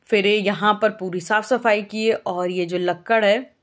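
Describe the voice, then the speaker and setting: A woman's voice: medium pitch, fairly even intonation, a little slow. A young woman from Uttar Pradesh talking through her day in a casual, rambling home vlog, with many filler sounds. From Uttar Pradesh, India. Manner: rambling, homely and talkative, with frequent "अ" fillers. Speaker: vlogger. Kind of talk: casual chatty vlog narration.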